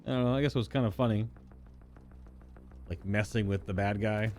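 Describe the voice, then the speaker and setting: A man's voice: on the low side, steady tone, fairly quick, darkish tone, soft background music. A man giving casual commentary as he plays through a game. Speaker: game streamer.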